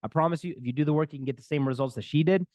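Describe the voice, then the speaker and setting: A man's voice: fairly high pitch, very fast, a little mellow, no room sound. A man working as a divorce recovery coach, talking to camera with earnest, faith-filled encouragement. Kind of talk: energetic talk to camera.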